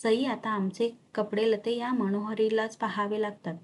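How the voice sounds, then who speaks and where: A woman reading a novel aloud and voicing a gentle, caring young king who speaks softly and reassuringly to his wife. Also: mid-range voice, flat delivery, moderate pace, lightly acted. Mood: tender. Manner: soft, reassuring.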